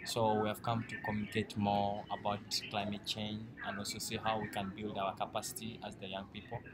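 A man's voice: lowish voice, completely flat delivery, fairly quick, very noisy. A young man from Uganda, a student, speaking earnestly into a handheld camera inside a conference hall. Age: young adult. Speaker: environmental science student. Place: indoors at a large conference hall. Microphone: camera at arm's length. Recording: loud conference hall background.

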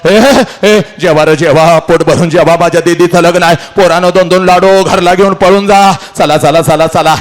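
A man's voice: sits high, steady tone, moderate pace, few pauses. A middle-aged man giving an emotional motivational lecture to a large audience, dramatic and repeating his phrases as he speaks straight to his listeners.

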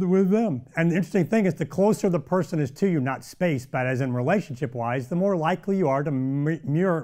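This show host is a lively middle-aged man giving golf lessons directly to camera. His pitch is high yet mellow, and his delivery comes in punchy bursts, with sound-effect words thrown in as he shows the moves.

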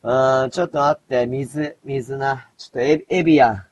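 A man in his thirties chatting casually on a late-night live stream, mumbling low and then breaking into loud, rough outbursts. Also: steady tone, normal speed, muffled recording, a little hiss or hum. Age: 30s. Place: dim room at home.

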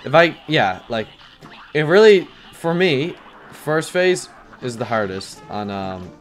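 A young man streams himself playing a game and chats the whole way through. He is casual and self-deprecating, full of fillers and sudden yelps, and his voice sits at an ordinary middle pitch. Game music runs faintly behind him. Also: big pitch swings, slow pace. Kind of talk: casual gaming commentary.

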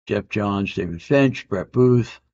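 This man speaks at a slow pace in a low, gravelly voice, casually rambling as he shows off an auction win. In a relaxed unboxing chat he fills gaps with "uh" and says "man" and "I can dig it." Comic art decorates the home room, and the camera audio is dull and lo-fi.

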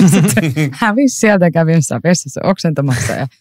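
A woman actor as a podcast guest, telling lively anecdotes with frequent laughter and many fillers, recorded in a library room. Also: low-pitched, no room sound, clean studio sound. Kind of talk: casual interview storytelling.

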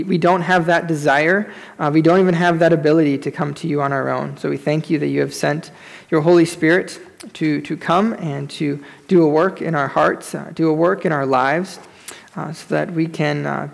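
A man preaching as pastor at a pulpit microphone in a church service, measured and repeating key phrases, with a halting, filler-laden prayer. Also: fairly high pitch, creaky, big-room sound. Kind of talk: sermon and prayer in a worship service. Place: church sanctuary during a service.

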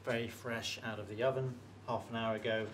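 A man hosting a cooking show who tastes a dish and praises it in a halting, restarting way. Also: mid-range voice, level tone, a little hiss or hum. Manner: effusive, praises the food while tasting. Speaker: host. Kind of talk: casual cooking show chat.

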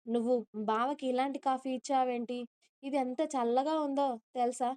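A woman plays a bubbly young woman who talks fast and pleads with a coaxing lilt. Her voice is fairly high, warm and smooth. It is recorded close and dry for a storybook reading. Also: flat delivery, natural voice. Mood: chatty. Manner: chatty, pleading, stammering when caught. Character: playful, nervous young woman.

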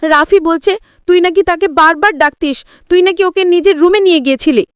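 A woman voicing a distraught elder sister who accuses and shouts through tears, in a read-aloud audio story. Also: high-pitched, moderate pace, no room sound, studio quality, lightly acted. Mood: angry.

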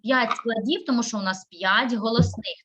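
Patient woman teacher, slightly high voice. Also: fairly bright tone, slight background noise. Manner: patient, drawn-out sounding of syllables. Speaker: primary school teacher. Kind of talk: online class teaching.

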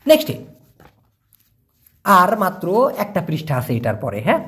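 A man teaching language, answering viewer questions and slowly repeating words for learners. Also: sits high, wildly swooping pitch, a bit bright, husky.

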